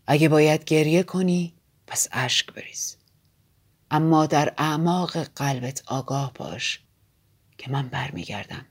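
A woman reading an audiobook voices a brooding aristocratic man in a low, soft, often whispered voice. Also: breathy edge.

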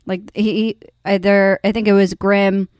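A woman's voice: mid-range voice, little pitch movement, unhurried, darkish tone, no echo, clean studio sound. A young woman hosting a casual podcast chat, rambling with fillers and restarts. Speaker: podcast host.

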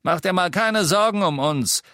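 Menacing male dark wizard henchman, stubborn, blunt, put on by a male narrator. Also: sits high, animated, moderate pace, no room sound, studio quality, voice pushed up. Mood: threatening. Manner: blunt, threatening.

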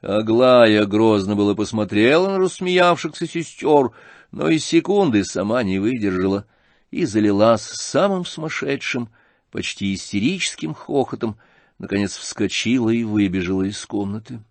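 Lively male audiobook narrator. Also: lowish voice, moderate pace, dry recording. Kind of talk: scripted narration.

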